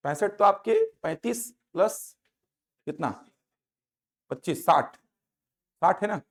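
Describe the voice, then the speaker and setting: Man, high-pitched, coaching teacher, explains syllabus, asks if students follow. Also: animated, slow. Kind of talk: classroom lecture on exam syllabus.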